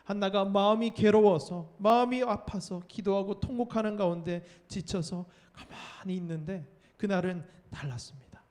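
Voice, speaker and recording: A man's voice: sits high, moderate pace, few pauses, darkish tone. A man preaching a youth sermon, retelling a story with earnest storytelling and acted-out quotes. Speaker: youth pastor.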